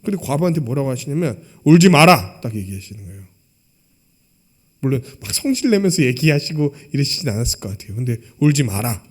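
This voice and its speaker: A man's voice: medium pitch, sing-song, quick pace, husky. A male pastor preaching a sermon in a chatty way, often putting questions to the congregation and acting out quoted lines. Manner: conversational, asks the congregation questions; acts out quoted lines, dropping to a hush.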